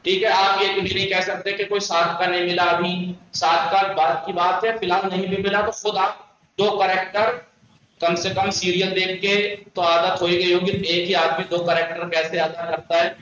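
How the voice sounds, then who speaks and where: Male language teacher, high bright voice, patient drills, echoey distant lo-fi call. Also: flat delivery, slight background noise. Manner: drills words slowly for students to repeat. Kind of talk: online Persian lesson. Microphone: online class call.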